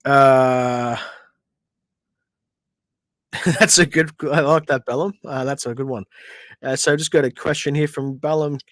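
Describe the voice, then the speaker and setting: With a slightly high, fairly bright voice and fairly even intonation, this Australian man talks at a normal speed in a dry recording. He's a podcast host doing casual livestream commentary on a football match, chatting, reading out viewer questions and venting at the players.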